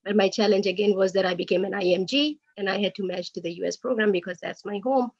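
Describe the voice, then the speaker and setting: A woman speaks on an online panel in a friendly, upbeat way. Her voice sits at a middle pitch. The audio is dry and dull, like a lo-fi recording. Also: fairly even intonation, fast talker, dry recording. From United States. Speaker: resident panelist.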